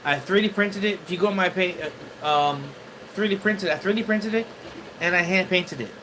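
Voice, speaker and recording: Man, livestream chat, rambling and halting, slightly high voice, steady hum of air conditioning behind. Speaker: 3D printing livestreamer. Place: home studio.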